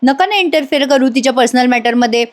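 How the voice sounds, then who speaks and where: A woman doing a calm, earnest young husband. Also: high voice, quick pace, close to an everyday voice.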